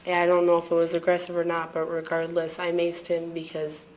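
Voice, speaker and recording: A woman testifying as a witness in a courtroom, hesitant and apologetic, speaking haltingly with many pauses and a voice she says is fading. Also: lowish voice, monotone, a little mellow, slight background noise, rough recording. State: losing her voice.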